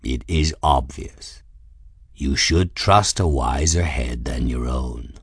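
A man voicing a smug, solemn male talking cat in an audiobook, speaking slowly and formally like a lecturer, with a deep gravelly growl. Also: dry recording, clean studio sound, exaggerated voice. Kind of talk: audiobook character voice.

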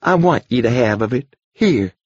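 Reading an audiobook, a man voices a wheedling, toothless old rustic tomato woman who insists on her point in folksy, old-fashioned dialect. His voice is medium-pitched, expressive, husky and pushed up at normal speed, in a dry, lo-fi recording.

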